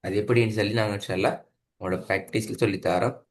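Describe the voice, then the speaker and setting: A man with a somewhat low voice teaches Quran recitation one on one over an online call. He explains step by step, repeats points patiently and keeps checking that his student follows. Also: steady tone, rapid-fire, slight background noise. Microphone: video call.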